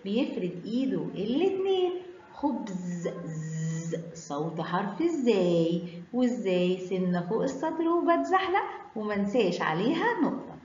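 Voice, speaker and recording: A woman's voice: mid-range voice, sing-song, normal speed, darkish tone, slight background noise. A woman with an Egyptian Arabic accent teaching children the alphabet, stretching out each letter sound in a sing-song way. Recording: echoey room, dull lo-fi sound.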